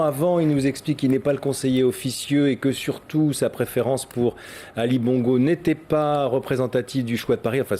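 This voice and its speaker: A man presenting the news as a studio anchor, speaking in a measured way with pauses and fillers. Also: medium pitch, warm tone.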